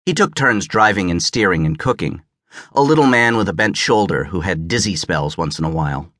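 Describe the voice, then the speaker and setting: A man narrating an audiobook as scripted narration, measured and even, on a close studio mic. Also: low voice, no room sound.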